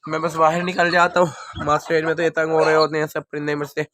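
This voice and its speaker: A man's voice: a little high, little pitch movement, fast talker, fairly bright tone, no echo. A young man with a Pakistani Urdu accent, feeling feverish and unwell, rambling casually to viewers while feeding his birds in a vlog. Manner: plain, rambling talk to viewers. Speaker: vlogger keeping birds. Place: outdoor rooftop bird enclosure. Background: chickens and birds clucking.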